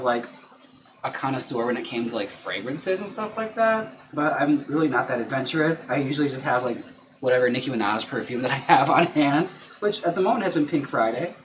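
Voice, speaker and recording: A man's voice: mid-range voice, lively intonation, normal speed, a bit bright. A man with a sassy, campy drag queen manner, chatting casually on a livestream while doing makeup. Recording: clearly noisy room ambience.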